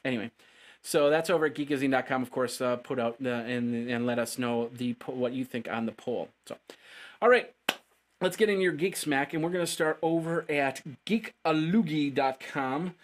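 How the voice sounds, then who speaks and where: Man, tech show host, mid-pitched, chatty, upbeat, stumbling over words. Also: moderate pace. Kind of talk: casual tech news commentary.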